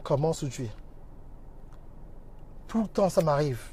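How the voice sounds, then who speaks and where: A man's voice: fairly high pitch, animated, unhurried, dark tone, breathy edge. A man talking on a casual livestream, preaching emphatically and greeting viewers by name as he goes. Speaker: minister and social media teacher.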